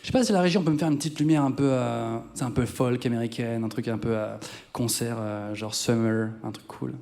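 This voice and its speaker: A man's voice: mid-range voice, steady tone, fairly quick, vocal fry, a little mellow. A man in his thirties doing live stand-up comedy on a theater stage, chatting with the audience and mocking himself. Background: guitar music.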